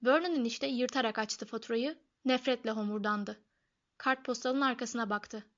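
A woman giving expressive scripted audiobook narration. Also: a little high, moderate pace, highs cut off.

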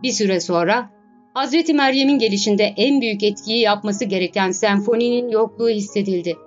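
Woman narrating a storybook, faint music. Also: medium pitch. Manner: measured storytelling. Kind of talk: scripted audiobook narration. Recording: slightly dull recording, faint music.

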